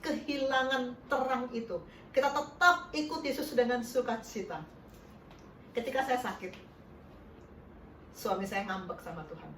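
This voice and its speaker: A middle-aged woman delivers a sermon, her voice high-pitched and animated, swinging from loud to soft with laughs between points. She is heard from some distance in an echoey church hall with a faint hum of room noise behind her. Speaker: preacher.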